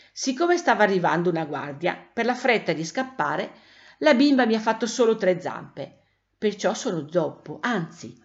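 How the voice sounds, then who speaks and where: A thin little voice belongs to a lame chalk-drawn cat, put on by a woman storyteller, chatty and wise, with a slight cough. Its pitch rises and falls in lively swings. The recording sounds muffled and lo-fi. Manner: friendly, explaining. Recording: dull lo-fi recording.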